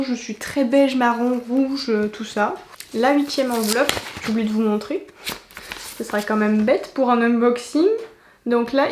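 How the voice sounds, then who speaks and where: High-voiced enthusiastic young woman. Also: a little mellow, echoey room. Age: 20s. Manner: chatty and enthusiastic, many exclamations. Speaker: booktuber. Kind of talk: casual unboxing chat.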